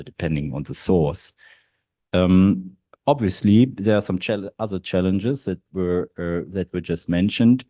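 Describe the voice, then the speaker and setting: A deep, mellow male voice with a German accent belongs to a German in-house counsel speaking hesitantly, full of fillers, on a law-event panel. The setting is a large historic hall, though the audio carries no echo.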